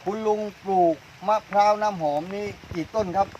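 A man's voice: sits high, steady tone, a little fast, a little mellow, dull audio, slight background noise. A man interviewing a farmer for a promotional video, eager and repeating the answers back, outdoors in a coconut orchard in the rain. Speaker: interviewer, fertilizer brand owner.

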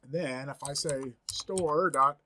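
A man's voice: a little high, slow pace, bright, forceful tone, a little hiss or hum. A man in his forties giving a screen-recorded coding tutorial from a home office, thinking aloud as he types, upbeat and chatty. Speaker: programming instructor.

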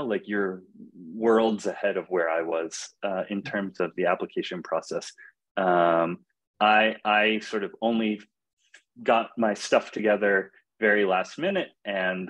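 A young man speaks casually on a video call, his voice sitting on the low side. He talks in a relaxed way, full of fillers and restarts, as he shares advice at a webinar. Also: poor audio. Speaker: fellowship alumnus speaker.

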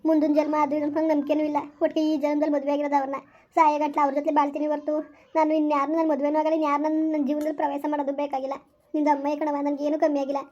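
A woman's voice: high voice, level tone, rapid-fire, a little mellow, close to an everyday voice. Soothing loyal young wife, played by a woman. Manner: soothing, pleading. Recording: dull lo-fi recording.

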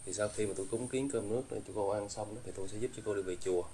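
Low-voiced man questioning a ghost. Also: fairly even intonation, warm tone, a little hiss or hum. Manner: slow, probing questions with hesitant fillers. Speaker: ghost hunter questioning a spirit.

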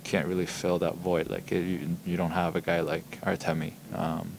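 Speaking into microphones on the table in front of him, this young hockey player answers postgame press questions in a press room with a logo backdrop. His voice is low and gravelly with little pitch variation, and he hesitates often, repeating words and saying um. A little background noise is audible.

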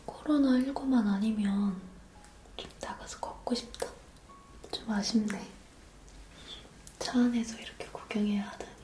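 Softly whispering woman, roomy echo. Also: medium pitch, measured pace, long pauses, soft background music. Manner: soft whispering, gentle and affectionate. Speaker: ASMR creator. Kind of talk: whispered roleplay ASMR.

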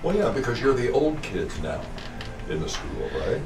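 A man's voice: mid-range voice, sing-song, normal speed, far from the mic, over music. An older man hosting a radio show, joking easily with a young guest in a small studio. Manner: joking, easygoing teasing. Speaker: radio host. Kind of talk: friendly radio studio banter. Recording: roomy, off-mic, noisy.

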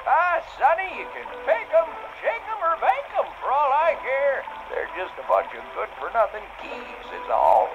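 A man's voice: very high voice, big pitch swings, moderate pace, few pauses, noisy background, full character voice. A man voicing a muddled, folksy old prospector with an American Old West drawl in a children's cartoon game. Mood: dismissive, folksy. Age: older. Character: crazy old prospector covered wagon, male, folksy, cheerfully muddled. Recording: dull game audio under loud music.

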